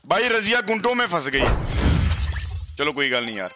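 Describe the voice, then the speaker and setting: Against a noisy background, a man with a high, very animated voice talks fairly quickly. Hosting a casual gameplay livestream, he chats boisterously in a Punjabi accent, full of slangy banter and swearing.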